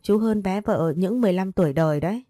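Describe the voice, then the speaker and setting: A woman's voice: mid-range voice, fast, warm tone, no room sound, studio quality, soft background music, natural voice. A woman voicing a doting, possessive older man who speaks tenderly but bossily to his young lover in a storybook reading. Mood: scolding tenderly. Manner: tender, teasing, bossy.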